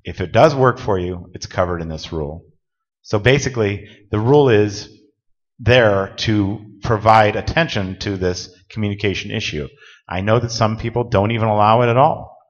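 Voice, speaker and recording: Deep-voiced man presenting in a reverberant hall. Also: normal speed. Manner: plain-spoken, direct, instructive. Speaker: tournament rules presenter. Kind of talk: conference presentation to an audience. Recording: dull lo-fi audio with long hall reverb.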